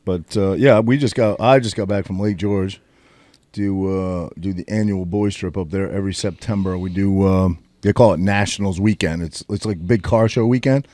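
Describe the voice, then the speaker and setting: A podcast co-host with a low, warm voice tells a meandering, profane road-trip tale at a moderate pace, peppered with filler words. The casual storytelling chat is captured in a dry recording.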